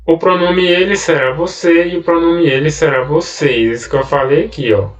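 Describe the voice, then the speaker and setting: A man's voice: fairly high pitch, normal speed, roomy sound, recorded from a distance. A Brazilian male Portuguese teacher giving a recorded online grammar lesson, explaining patiently and often checking in with "né?" and "tá?".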